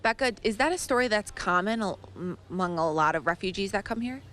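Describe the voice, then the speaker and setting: A woman's voice: medium pitch, animated, brisk, a bit bright. A woman reporting live in the field, introducing guests and asking polite, guiding questions.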